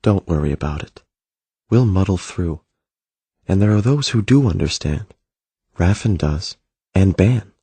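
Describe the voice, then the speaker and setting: A man voicing a gentle, thoughtful young prince in an audiobook, soft-spoken and reflective. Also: sits low, animated, a little slow, long pauses, husky, no room sound, full character voice. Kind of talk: audiobook character voice.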